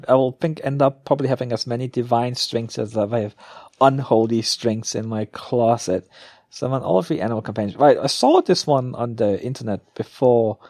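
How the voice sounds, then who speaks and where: Rambling male gamer with a slightly creaky voice. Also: mid-range voice, darkish tone, no room sound, clean studio sound. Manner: rambling, thinking aloud, often trailing off. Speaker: gamer opening card packs. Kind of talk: casual off-the-cuff game commentary.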